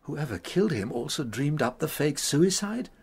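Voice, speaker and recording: A man with an English accent acting in a radio drama as a loyal, blustery, exasperated gentleman doctor. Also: on the high side, big pitch swings, moderate pace, slightly rough, full character voice. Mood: grudging, puzzled.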